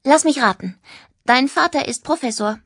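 A chatty, excitable teenage schoolgirl from a storybook gushes along breathlessly, voiced well above the reader's usual pitch by a woman reading aloud. Her lively voice swings up and down, and it sounds close and dry. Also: moderate pace, slightly rough, dry recording, full character voice. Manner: breathless and gushing.

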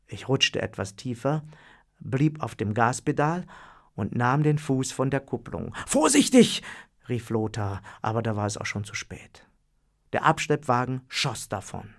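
A man narrating a first-person story in a calm, even storytelling manner. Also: mid-range voice, creaky. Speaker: audiobook narrator.

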